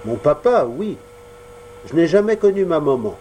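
A man voicing a small, frightened wooden puppet boy who pleads in high cries in a storybook reading. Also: big pitch swings, normal speed, dark tone, a little hiss or hum. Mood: pleading.

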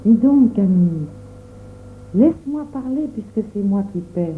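A woman's voice: high-pitched, lively intonation, moderate pace, echoey room, a little hiss or hum. A woman reading aloud voices a proud, stubborn young girl who insists on paying. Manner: stubborn, possessive. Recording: tinny phone-like sound.

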